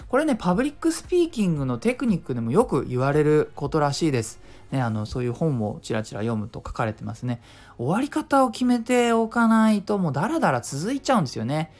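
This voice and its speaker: This middle-aged man hosts a casual solo talk show, and his voice sits fairly high with a slightly mellow quality. He's chatty and explains himself as he goes, offering speaking tips and tossing in small sound imitations.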